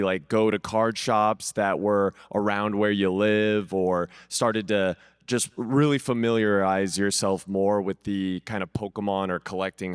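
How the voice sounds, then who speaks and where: A man's voice: on the low side, clear, resonant tone, no echo, studio quality. A man co-hosting a podcast, asking loose, easygoing questions in casual chat. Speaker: podcast co-host.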